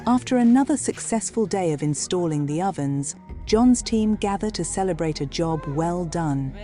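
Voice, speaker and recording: Woman narrating a nature documentary, very lively intonation. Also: fairly low pitch, moderate pace, over music.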